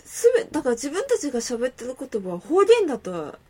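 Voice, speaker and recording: A woman's voice: high-pitched, wildly swooping pitch, fast talker, a loud crowd. A woman from the Kansai region with a Kansai accent, casually chatting as a podcast co-host and laughing easily as she explains. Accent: Kansai Japanese. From Kansai, Japan. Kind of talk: casual chat.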